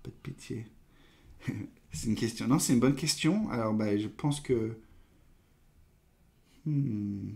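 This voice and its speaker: A man's voice: mid-range voice, slow pace, gravelly, pauses often, mellow. A man hosting a live coding stream, thinking aloud with hesitations and trailing phrases while he tests code and reads viewer questions.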